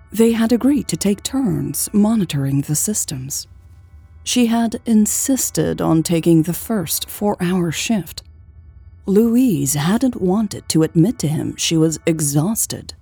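A woman narrating an audiobook in a measured, steady reading at a close microphone. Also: fairly low pitch, gravelly, husky, dry recording, soft background music.

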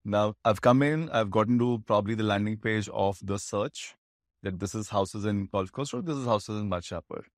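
A man's voice: lowish voice, normal speed, dry recording, studio quality. A man with an Indian English accent hosting a business interview, framing long, analytical questions in a conversational way. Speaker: interviewer, podcast host.

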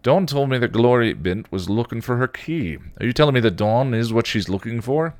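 A man's voice: mid-range voice, animated, brisk, a little mellow, dry recording, pitched above the performer's own voice, natural voice. Man doing a cocky, swearing vampire. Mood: sardonic. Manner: swaggering, coarse. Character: cocky male vampire, sardonic.

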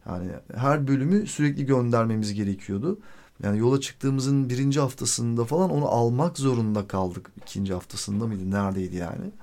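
A man hosting a podcast, telling a personal story in a casual, animated way and acting out the quoted dialogue. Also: medium pitch, fairly quick. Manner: swears freely. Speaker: podcast host.

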